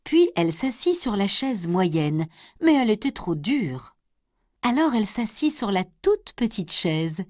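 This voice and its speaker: A woman storyteller doing an expressive scripted storybook narration. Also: mid-range voice, measured pace, no room sound. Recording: dry, dull lo-fi recording.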